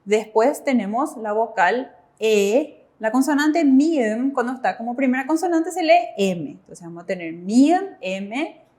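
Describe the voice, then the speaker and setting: High-voiced woman teacher explaining patiently. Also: animated, measured pace, a little mellow. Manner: patient, explains by asking and answering her own questions. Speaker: Korean language teacher. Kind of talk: step-by-step classroom explanation.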